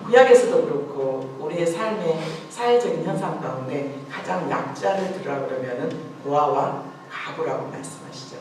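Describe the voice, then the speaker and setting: A woman's voice: deep voice, darkish tone. Woman pastor preaching in an echoey church. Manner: earnest storytelling with rhetorical questions and repetition. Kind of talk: sermon. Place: church sanctuary. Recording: very echoey hall, voice from far off, faint hiss.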